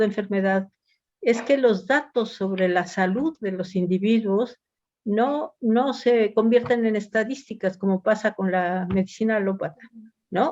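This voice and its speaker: A woman in a seminar reflecting at length, appreciative and hesitant, pausing on fillers. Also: medium pitch, darkish tone, lo-fi sound. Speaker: seminar participant. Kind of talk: seminar commentary.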